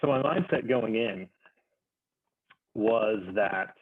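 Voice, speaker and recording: A man telling a casual, self-deprecating story among friends in a halting, wry manner. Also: lowish voice, breathy edge. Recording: thin phone-like call, muffled.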